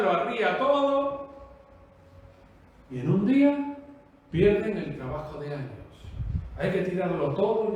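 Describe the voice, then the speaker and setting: A man preaches in a Spanish-from-Spain accent, his voice pitched high and driving. He stacks rhetorical questions and repeated phrases in a forceful cadence. The sound is distant and heavily echoing, as if caught from across a bare room. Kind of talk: sermon. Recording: echoey room, voice off-mic.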